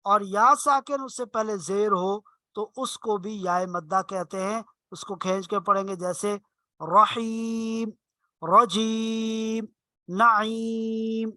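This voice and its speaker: This online Arabic teacher's voice is high-pitched, bright, and forceful, with fairly even intonation. He goes through the rules patiently and step by step, lingering slowly over each example word, and the audio has no room sound.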